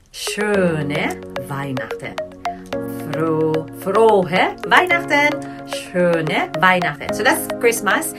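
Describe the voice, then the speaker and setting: A woman giving a casual video lesson on German holiday greetings, mixing in Tagalog words and slowing down to sound out German phrases. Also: mid-range voice, sharp tone. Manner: chatty, mixes in Tagalog words, slows to spell out German. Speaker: German language teacher. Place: home, lockdown.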